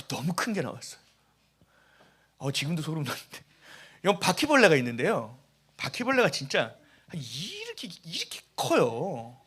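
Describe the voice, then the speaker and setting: A man, a pastor, preaching a sermon and telling stories in an animated, conversational way. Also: sits high, slightly rough.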